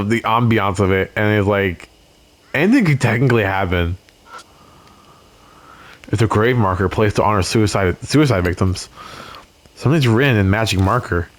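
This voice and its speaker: A man hosting a game video, reading the game text aloud and reacting with jittery swearing and nervous laughs. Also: on the low side. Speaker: let's play host.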